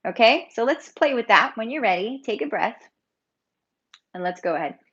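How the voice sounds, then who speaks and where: A woman's voice: a little high, animated, normal speed, fairly bright tone, muffled recording. A woman yoga teacher leading a live online breathing workshop, talking in a chatty, informal way and laughing often.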